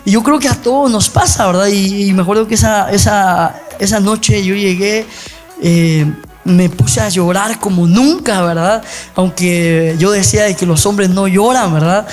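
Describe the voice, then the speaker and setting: A man's voice: sits high, measured pace, faint music behind. A young man giving an earnest testimony and advice on a church program, dropping filler words and asking for agreement after nearly every phrase. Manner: earnest, full of fillers, keeps adding "¿verdad?".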